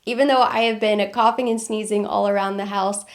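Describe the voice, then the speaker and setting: A woman's voice: medium pitch, steady tone, a little fast. A congested woman with a head cold, chatting upbeat and casually as a beauty vlogger doing her makeup. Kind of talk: casual get-ready-with-me chat.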